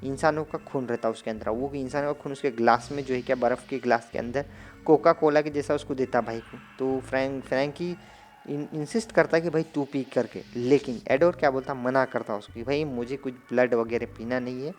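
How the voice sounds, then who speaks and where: A man narrating a film recap in a loose, conversational ramble. His voice sits at an ordinary middle pitch, and faint music plays beneath it. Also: steady tone, fairly quick. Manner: loose rambling retelling with filler phrases. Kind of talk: casual spoken movie recap.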